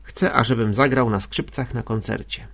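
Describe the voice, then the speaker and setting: A man reading an audiobook, voicing a meek, hesitant middle-aged gentleman who speaks in a subdued way. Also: mid-range voice, fairly even intonation, moderate pace, gravelly.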